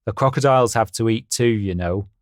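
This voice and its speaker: A man voicing a brawny, blunt male brumby horse in a storybook reading, talking in a gruff, deadpan way. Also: on the low side, brisk, no echo, clean studio sound, lightly acted. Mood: teasing.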